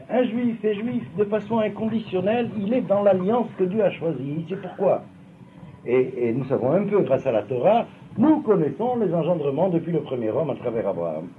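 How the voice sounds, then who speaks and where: A man teaching a Talmud class, explaining at length and often checking that his students follow. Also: sits high. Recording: tinny lo-fi recording with faint noise.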